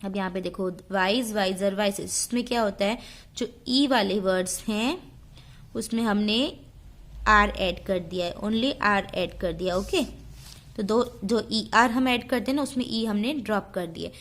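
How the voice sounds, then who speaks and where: An unhurried woman teaches a grammar lesson, spelling out each rule word by word at a measured pace. Her voice sits at a middle pitch. Between the rules she shifts into quicker, chattier explanation. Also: fairly bright tone. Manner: reads English rules slowly, then explains them quickly in Hindi.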